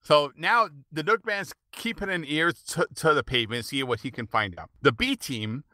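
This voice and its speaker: A man's voice: fairly high pitch, normal speed, dry recording, studio quality. A young man co-hosting a podcast, casually and animatedly recapping a TV episode with frequent laughter. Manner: animated, laughs often, retells scenes. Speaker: podcast co-host.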